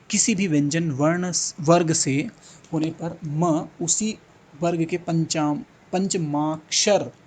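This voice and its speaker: A man's voice: on the high side, breathy edge. A man teaching an exam-prep lesson, thinking aloud, repeating sounds and answer options and urging students to answer. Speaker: Hindi exam tutor.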